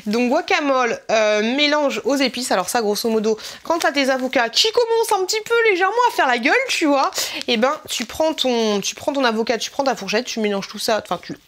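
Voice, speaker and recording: A woman's voice: high voice, lively intonation, a little fast, a bit bright. Chatty, giggly French-speaking woman vlogger. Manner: chatty and giggly, exclaims often. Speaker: YouTuber opening a swap package. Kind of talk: casual unboxing chat.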